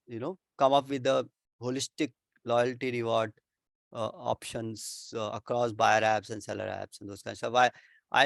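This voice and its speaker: A man with an Indian accent explains things step by step in an informal question-and-answer session. His voice sits at an ordinary male pitch and is recorded dry, with no room sound. He often rephrases and checks in with a short "right?". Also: creaky, dry recording. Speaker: expert presenter answering questions. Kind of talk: informal explanatory Q&A with worked examples.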